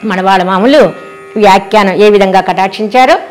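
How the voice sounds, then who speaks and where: A woman's voice: medium pitch, a little fast, a little mellow, soft background music. A woman giving a devotional discourse, telling stories with rhetorical questions and fond exclamations. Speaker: religious discourse speaker.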